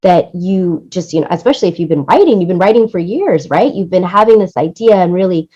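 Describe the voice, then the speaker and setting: A woman with a lowish, warm voice and a breathy edge talks fairly quickly, and the highs in the recording are cut off. She's an interview guest, a music supervisor and producer, explaining things earnestly and casually while often asking "right?"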